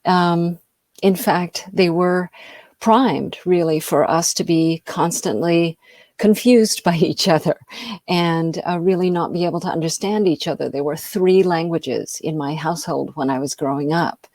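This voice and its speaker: Speaking as a guest over a video call, a middle-aged woman from the US delivers an informal talk full of ums and uhs. Her low voice is steady, measured and darkish, captured in a dry, clean studio recording.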